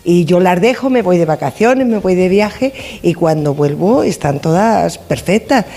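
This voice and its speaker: A woman's voice: on the low side, expressive, moderate pace, dark tone. A woman from the studio audience chats on a radio show, talking hesitantly with many fillers. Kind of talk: casual chat on a radio show.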